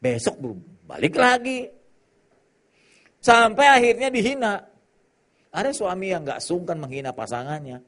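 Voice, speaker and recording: Man preaching, high-ish and very lively, comic asides and play-acted spouses. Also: normal speed, long pauses. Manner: joking, teasing the congregation; acts out quarreling spouses in put-on voices. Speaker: pastor. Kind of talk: sermon.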